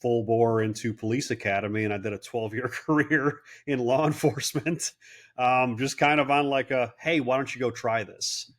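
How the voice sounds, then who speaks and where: Guest, man, late 30s, casual and animated, mid-pitch, acts out quotes. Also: normal speed. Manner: animated storyteller, quotes people in voices. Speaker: guest, clinic owner. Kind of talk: casual interview talk.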